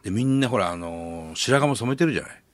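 A man's voice: lowish voice, fast talker, slight background noise. A man in his forties co-hosting a radio show, bantering and teasing his partner in casual chat. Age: 40s. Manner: teasing, lively back-and-forth. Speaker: radio comedy duo host.

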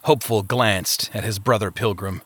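A man narrating a novel in a steady storytelling manner, lightly voicing the characters' lines. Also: on the low side, moderate pace, slightly rough, dry recording. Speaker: audiobook narrator.

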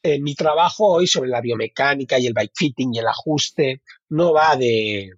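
A man's voice: medium pitch, moderate pace, husky, no echo, lo-fi sound. A man from Spain with a Spanish accent, a bike fitting expert talking keenly in an interview, often repeating and restarting words. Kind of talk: casual interview talk.

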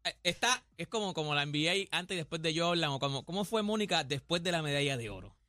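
Guy hosting radio, super fast, bright voice, keeps repeating himself. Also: on the high side, lively intonation, no echo. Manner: rapid and heartfelt, with repeated phrases. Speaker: radio host. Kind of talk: radio talk show chat.

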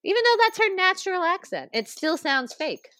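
A woman co-hosting a podcast in casual chat, animated and ranting, with quick asides and laughs. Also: very high-pitched, dry recording, clean studio sound. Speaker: podcast co-host.

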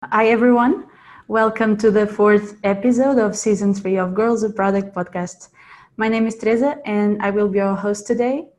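A woman's voice: medium pitch, steady tone, moderate pace, a little mellow. A woman hosting a podcast interview, reading a friendly introduction and then asking questions with small stumbles. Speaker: podcast host.

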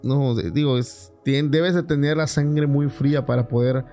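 Brief: male podcast host, warm and mellow, halting and full of restarts. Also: medium pitch, steady tone, faint music behind. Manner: hesitant, stumbling and restarting his words. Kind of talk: casual chat.

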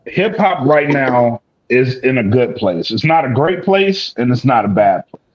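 A man who is a guest on a podcast, giving measured, deliberate answers in casual chat. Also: mid-range voice, sing-song, breathy edge, muffled recording.

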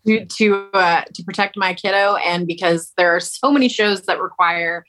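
A woman's voice: on the low side, moderate pace, a bit bright. Easygoing woman guest on a call. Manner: easygoing, agreeable. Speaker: guest singer. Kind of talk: casual chat. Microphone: video call.

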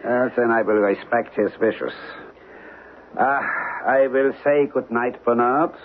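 A thin, slightly hissy vintage radio recording carries a man acting a European hotel manager. He is courteous and deliberate, with a formal manner and a medium-pitched voice. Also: close to an everyday voice. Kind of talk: old radio drama acting. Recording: tinny, noisy old radio recording.

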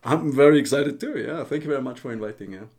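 A native German speaker from western Austria tells his story as a guest in a casual interview chat, hesitating and searching for words. He talks fast, with a mid-range voice and a darkish tone.

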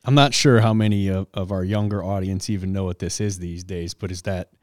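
A man's voice: low-pitched, fairly even intonation, a little fast, darkish tone, dry recording, clean studio sound. A man co-hosting a podcast, friendly and coaching, giving practical tips in casual chat. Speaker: podcast co-host.

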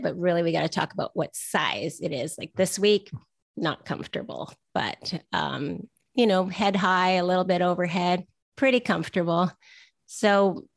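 Woman from vancouver, forties, gravelly voice, dry close sound, chatty interview guest. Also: fairly low pitch, no room sound. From Vancouver, Canada. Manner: chatty, self-deprecating storytelling. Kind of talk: casual interview conversation.

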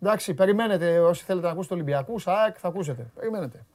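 A man's voice: sits high, a little mellow. A man hosting a sports talk show, teasing his co-host and bossing the studio crew in playful banter. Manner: teasing, bossy, directs the crew.

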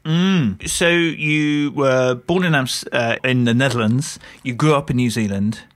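A host asking relaxed, curious follow-up questions in a casual interview. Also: mid-range voice, unhurried, no room sound.

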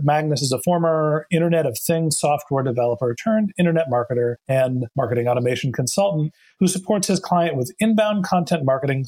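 A man hosts a podcast in an upbeat, conversational tone. He reads a sponsor message and interviews a guest. His voice sits somewhat high. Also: a little mellow. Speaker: podcast host. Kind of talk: podcast hosting and sponsor read.

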